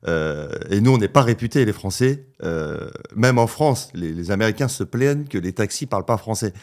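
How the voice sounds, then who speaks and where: A man's voice: lowish voice, lively intonation, moderate pace, darkish tone. A man co-hosting a casual podcast conversation, agreeable and hesitant, full of fillers and repeated words. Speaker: podcast co-host.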